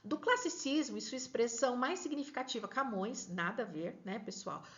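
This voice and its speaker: A woman teacher walks her students through an exam answer, quick and lively, checking in with them often. Her voice sits fairly high. The recording sounds dull and lo-fi.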